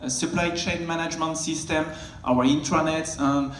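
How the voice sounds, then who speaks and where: A middle-aged man with a French accent giving a conference talk, pausing often with fillers as he searches for English words. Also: on the high side, steady tone, slight background noise. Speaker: conference speaker, network architect. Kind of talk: conference presentation. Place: large conference hall. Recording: echoey conference hall.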